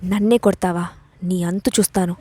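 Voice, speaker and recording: A woman's voice: on the low side, fairly even intonation, normal speed, mellow, no echo, natural voice. A woman reading the part of an arrogant, scheming older woman in an audio story, speaking angrily and boastfully. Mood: furious. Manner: angry, boastful.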